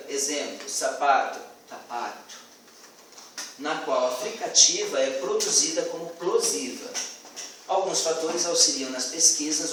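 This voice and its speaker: A man gives a student class presentation, pausing often with fillers and restarts. His voice sits a little high and is picked up from across a very echoey classroom, with faint hiss behind him. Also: a bit bright, recorded from a distance. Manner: hesitant, many fillers and restarts.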